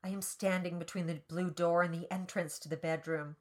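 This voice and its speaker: A woman's voice: fairly low pitch, flat delivery, a little fast. Wry woman reading a novel aloud. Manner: wry, swears casually. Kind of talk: dramatic reading with comic commentary.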